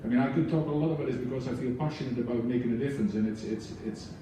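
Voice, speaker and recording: Speaking very fast in a mid-range voice, a man on a book club's leadership team delivers a speech with a foreign accent, earnest and passionate, with many restarts. Background noise is audible, the room is echoey, and his voice comes from a distance.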